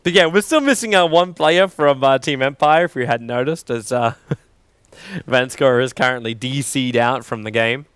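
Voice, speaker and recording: A man's voice: medium pitch, normal speed, fairly bright tone, clear, resonant tone, no room sound. A young man casting esports, chatting and joking between games in a self-deprecating way, laughing often. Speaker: esports commentator. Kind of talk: casual on-air banter between games.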